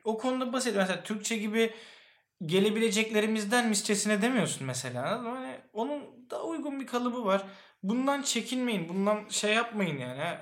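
Young male co-host, high-pitched, easygoing, rambling explanations. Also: fairly quick. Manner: relaxed, explains at length with fillers. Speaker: podcast co-host. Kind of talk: casual chat.

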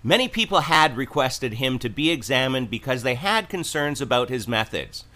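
A man's voice: medium pitch, sing-song, moderate pace, sharp tone. A man hosting with scripted religious commentary, speaking in an admonishing, declarative way.

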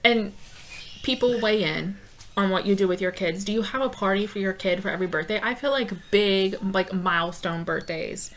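A woman's voice: mid-range voice, normal speed, fairly bright tone, slight background noise. Chatty young woman telling stories. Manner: chatty storyteller, lots of "like". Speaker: podcast co-host. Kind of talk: casual chat.

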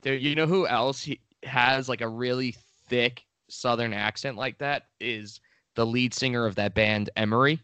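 A man co-hosting a podcast in casual chat, excited and swearing a lot. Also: medium pitch, moderate pace, smooth, no echo. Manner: enthusiastic, swears a lot, says dude. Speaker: podcast co-host.

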